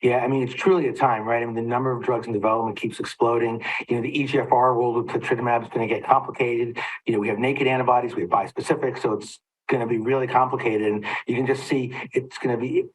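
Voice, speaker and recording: A man moderating an expert panel discussion in a brisk, friendly way, steering the talk between guests. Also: medium pitch, fairly even intonation, a little hiss or hum, low-quality recording. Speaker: moderator of a medical roundtable.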